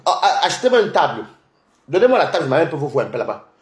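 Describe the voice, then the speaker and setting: Young male streamer, mocking and combative, pitch swinging widely, echoey room. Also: sing-song. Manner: taunting, mocking, rapid-fire. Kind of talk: heated livestream rant.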